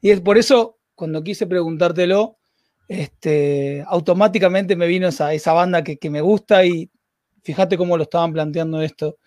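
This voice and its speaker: A man's voice: high voice, moderate pace, a little mellow, no echo, studio quality. A man with a Rioplatense Spanish accent hosting a live interview, chatting and reading out viewer comments. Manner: conversational, reads viewer comments. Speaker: host.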